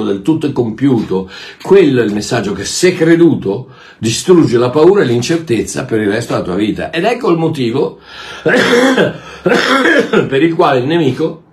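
A male preacher in mid-sermon, delivering his message with fervor. He stumbles over words, repeats them and pushes toward loud, emphatic peaks. His pitch sits in an ordinary middle range. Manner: impassioned, repeats and restarts words, rises to near shouts.

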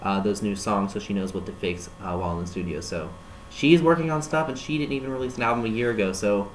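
Animated male co-host, faint hum. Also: fairly low pitch, fast. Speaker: music news co-host. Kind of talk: casual chat.

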